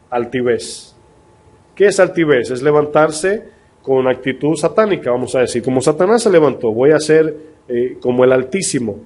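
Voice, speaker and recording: A male pastor preaching a sermon in a conversational way, asking his listeners rhetorical questions and reading scripture slowly and deliberately. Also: a little high, a little mellow.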